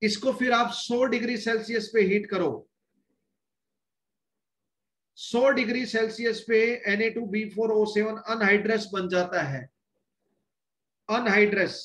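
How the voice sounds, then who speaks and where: High-voiced man teaching chemistry, echoey room. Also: fairly even intonation, measured pace, a bit bright. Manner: explains step by step with many rhetorical questions. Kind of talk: classroom lecture in Hinglish.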